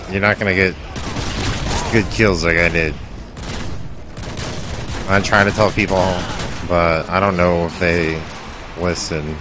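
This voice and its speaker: A man's voice: low voice, noisy background. A man giving casual, laid-back and boastful live commentary as he streams a game. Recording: loud game gunfire behind voice. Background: shooter game gunfire and explosions.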